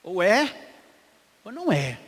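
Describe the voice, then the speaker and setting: High-voiced preaching man in a reverberant hall. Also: wildly swooping pitch, slow pace, breathy edge. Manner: emphatic preaching that swings between loud and hushed. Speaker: pastor. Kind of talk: sermon. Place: church hall.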